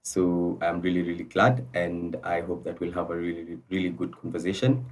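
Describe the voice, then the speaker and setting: Male guest from Kenya, low and quite flat, polite measured conversation, distant mic. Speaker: podcast guest. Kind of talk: conversational interview answers.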